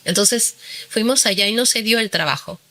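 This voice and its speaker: A woman's voice: medium pitch, moderate pace, pushed and bright. A woman in her forties with a Peruvian Spanish accent, a guest recounting her personal testimony in earnest storytelling, with frequent fillers. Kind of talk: testimony interview.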